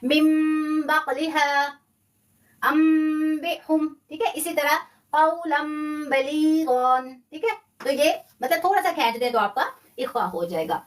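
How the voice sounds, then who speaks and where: High-pitched lady teacher doing a live quran tajweed class, patient, repeats stuff, stretches the example sounds out slow. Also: very animated. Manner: mixes English words into explanation. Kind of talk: live-streamed online lesson.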